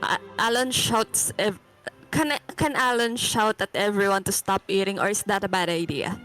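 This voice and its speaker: A woman player in a tabletop game, eager and quick, with laughing asides. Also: mid-range voice, poor audio. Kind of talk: casual tabletop play. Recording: clear music in the background.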